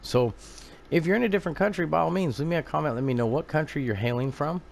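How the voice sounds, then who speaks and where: A man's voice: on the high side, fast talker, vocal fry, a little hiss or hum. A man giving casual, crude, joking commentary over a video game. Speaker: gameplay commentator. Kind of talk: casual let's-play commentary.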